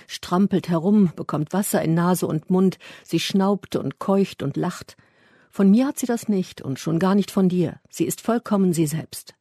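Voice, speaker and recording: A man reading a first-person literary story aloud in a measured, reflective way. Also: high voice, dark tone, husky, dry recording, studio quality. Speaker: audiobook narrator.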